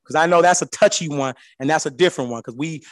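A man leading a Bible study, animated, swinging between low asides and excited high peaks. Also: quick pace, no room sound, studio quality.

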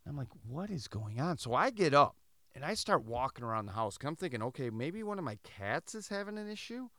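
Talking fairly quickly in a mid-range voice, a middle-aged podcast host from Michigan spins a story as a casual monologue, recorded in the studio with no echo. He animatedly performs each line of dialogue in different voices.

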